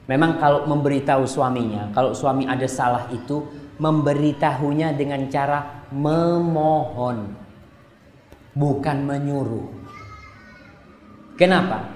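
A male preacher delivering a sermon, talking straight to the congregation and swinging between loud exclamations and quiet asides. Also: medium pitch. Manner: addresses the congregation directly. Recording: echoey hall with long reverb.

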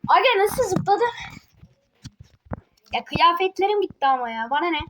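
A woman giving casual gameplay commentary, excitable, teasing other players and yelping or muttering to herself while she plays. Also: very high-pitched, moderate pace, a little hiss or hum. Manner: excitable, yelps and mutters to self while playing. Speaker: gaming video creator.

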